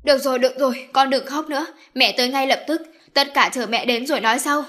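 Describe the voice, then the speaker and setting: A woman's voice: high voice, quick pace, fairly bright tone. Woman doing a strong-willed middle-aged mother, firm, slightly raised voice. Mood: soothing.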